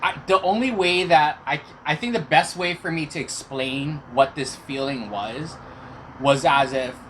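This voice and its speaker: A man's voice: on the high side, a bit bright. Middle-aged man chewing while talking, noisy background. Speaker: vlog host telling personal stories. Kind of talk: casual storytelling to viewers. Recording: clear background noise.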